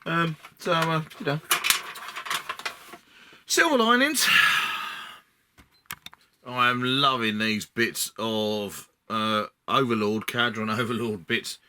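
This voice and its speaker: A man's voice: fairly low pitch, measured pace, few pauses, sharp tone, slight background noise. A man with an Essex accent talking casually through a model build, rambling as he thinks aloud. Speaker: hobby model-building video maker.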